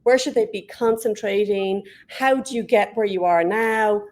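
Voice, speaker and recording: A woman hosting an interview over a video call, enthusiastic and quick to laugh. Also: medium pitch, a little mellow. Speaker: host.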